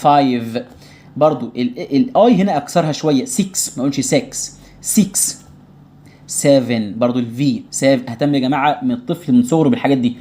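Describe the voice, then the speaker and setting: A man with an Egyptian Arabic accent teaches English to young children online, pronouncing each word slowly and repeating it for drilling. Patient and explanatory, with a medium-pitched, warm voice, he often asks "tamam?" to make sure the class follows.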